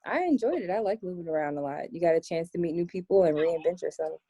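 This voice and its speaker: A young American woman answering interview questions in a relaxed chat, with plenty of "um" and "like". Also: on the low side, fast, husky, no room sound. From United States. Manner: chatty, many "um" and "like" fillers. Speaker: interview guest. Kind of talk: casual interview.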